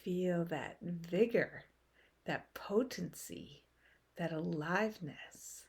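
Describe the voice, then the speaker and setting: In a slow, soothing guided meditation, a woman offers brief phrases with long pauses in between. She has a lowish, darkish voice with a hint of breathiness.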